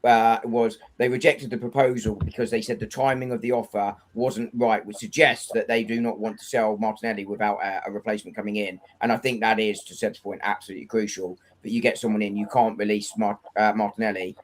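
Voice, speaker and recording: Man, low voice, fast talker, articulate football analysis. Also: level tone. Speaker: panelist. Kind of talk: casual football chat.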